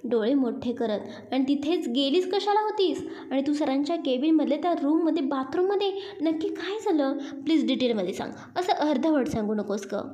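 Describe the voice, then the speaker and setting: A woman voicing an excitable young female friend who gossips and reacts theatrically, dropping English phrases in. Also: sits high, moderate pace, hardly any pauses. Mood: excited.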